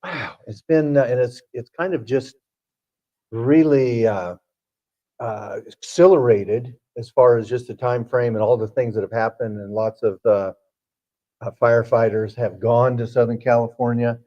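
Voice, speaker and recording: A man's voice: medium pitch, measured pace, mellow, highs cut off. A man working as a TV meteorologist, explaining the forecast in a folksy way with frequent fillers. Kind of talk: broadcast weather chat.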